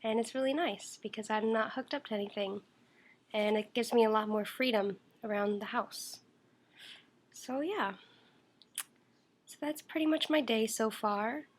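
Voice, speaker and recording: A woman's voice: on the high side, a little slow, pauses often. A young woman at home, rambling through a casual video diary while feeling unwell and tired, with lots of fillers and some talking through food. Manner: rambling, many fillers, talks while eating. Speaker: vlogger. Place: at home, indoors.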